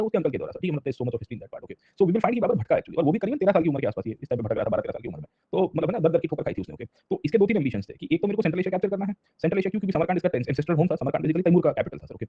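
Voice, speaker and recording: A man teaching an exam-prep history lecture, switching between Hindi and English and often pausing to check that students follow. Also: fairly high pitch, breathy edge, no echo, highs cut off. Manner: mixes Hindi and English, keeps checking in with listeners.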